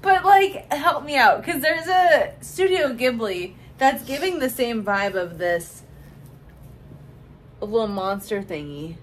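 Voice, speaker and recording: A woman with a high, bouncing voice chats casually on a book podcast, often dissolving into giggles. A faint hiss sits under her voice. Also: lively intonation, takes it slowly. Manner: giggly, breaks into loud laughing fits. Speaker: podcast co-host. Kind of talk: casual chat about books.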